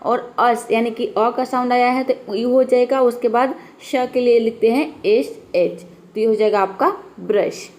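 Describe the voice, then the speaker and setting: Lady teacher explaining spelling rules, slightly high voice, patient, keeps saying theek hai. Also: fairly even intonation, measured pace, hardly any pauses, a little mellow. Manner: patient, repeats "ठीक है" and "देखिए" often. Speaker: English teacher. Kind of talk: classroom spelling lesson.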